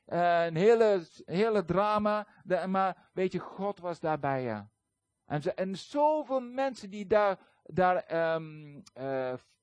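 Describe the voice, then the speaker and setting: A man's voice: high-pitched, no room sound. A man giving a sermon as a guest preacher, talking conversationally with hesitations and acting out the voices he quotes. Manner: animated storytelling, acts out quoted voices.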